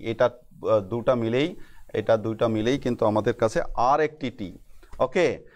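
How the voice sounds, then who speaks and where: Middle-aged Bangladeshi-accented male math teacher, mid-range voice, patient question-and-answer lecturing. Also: mid-range voice. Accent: Bangladeshi Bengali. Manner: asks questions then answers them, spells out terms slowly. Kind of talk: classroom math lesson.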